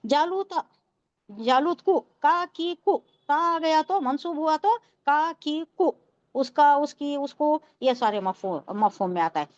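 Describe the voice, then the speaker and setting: A high-pitched woman teaches a Quran tafseer lesson, translating the Arabic phrase by phrase and stopping to quiz her students. Her voice sounds dry and close, with a slightly dull, muffled sound. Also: expressive, no room sound. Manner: explains Arabic word by word, quizzes listeners.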